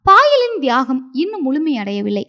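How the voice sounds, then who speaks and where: A woman's voice: high voice, very animated, moderate pace, bright, forceful tone, exaggerated voice. A woman voicing the mysterious spirit voice of an enchanted pond, speaking solemnly and commandingly in a storybook tale.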